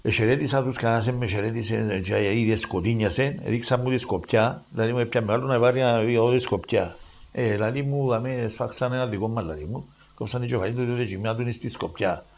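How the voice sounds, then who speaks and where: An older man with a broad Cypriot Greek accent tells his story as a spoken testimony. He speaks haltingly, full of fillers and false starts, at an ordinary middle pitch. He slips into the voices of the people he quotes. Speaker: doctor giving a war testimony.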